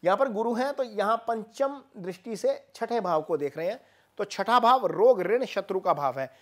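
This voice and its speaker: An astrologer walks viewers through a horoscope, explaining things steadily and often pausing with "uh." The voice sits at a medium pitch.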